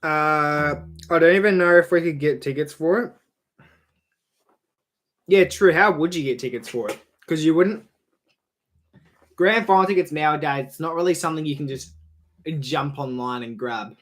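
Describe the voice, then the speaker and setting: A young Australian man calling a football match on a live stream, chatty and rambling, swearing freely and getting louder on goals. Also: on the high side, moderate pace, pauses often.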